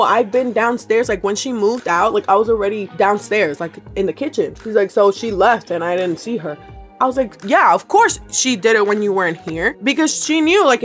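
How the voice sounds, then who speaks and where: Woman in her twenties, vlogger, casual storytime, animated, swears, laughs, faint music bed. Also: fairly high pitch. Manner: animated, swearing, laughing often, quotes people in voices.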